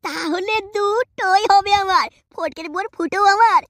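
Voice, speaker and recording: A woman's voice: very high-pitched, measured pace, a bit bright, full character voice. A woman voicing a sly, lecherous young man in a cartoon, with a cheeky delivery. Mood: scheming. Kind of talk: comic cartoon dubbing.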